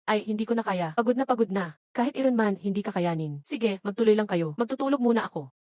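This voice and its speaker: A woman's voice: medium pitch, animated, fast talker, mellow, no room sound. A woman reading all the roles of a dubbed short drama in one voice.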